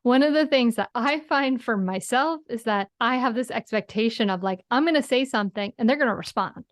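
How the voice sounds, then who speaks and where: A woman's voice: on the high side, a little fast, no room sound. Earnest woman talking parenting, dry sound. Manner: earnest, explanatory, often adds a tag question. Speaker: parenting guest. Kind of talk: casual interview chat.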